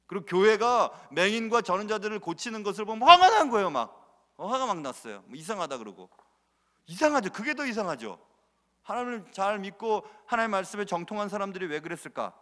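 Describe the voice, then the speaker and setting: A man preaching a sermon with a high voice that rises and falls a great deal, driving each point home with repeated emphatic words. His voice rings through a reverberant church hall, picked up by a sanctuary microphone. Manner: animated, emphatic, repeats filler words often. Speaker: pastor.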